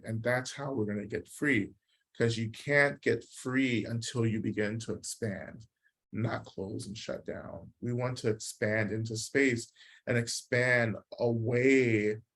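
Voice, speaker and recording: A man's voice: medium pitch, a bit bright. Reflective man giving a dharma talk. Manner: reflective, explanatory, frequent "right?" check-ins. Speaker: Buddhist teacher. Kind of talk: dharma talk answering questions.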